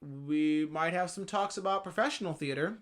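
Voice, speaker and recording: A man's voice: a little high, normal speed. Laughing, rambling male podcast co-host. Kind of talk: casual chat.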